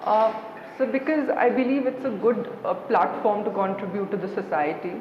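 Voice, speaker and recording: A young woman with a Kashmiri accent speaks as an interview candidate. She is formal, deferential and halting, in a reverberant hall with dull sound and some background noise. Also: mid-range voice, steady tone. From Srinagar, Kashmir, India. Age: young adult. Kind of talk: formal mock job interview answers.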